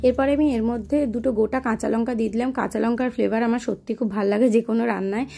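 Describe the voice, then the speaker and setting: A young woman from Kolkata talks through her cooking in a loose, chatty way, pausing often on small fillers. Her voice sits a little high, and soft music plays under her talk. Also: steady tone, gravelly. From Kolkata, West Bengal. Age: young adult. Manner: chatty, explains step by step with many fillers. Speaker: vlogger and mother. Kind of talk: casual cooking and family vlog.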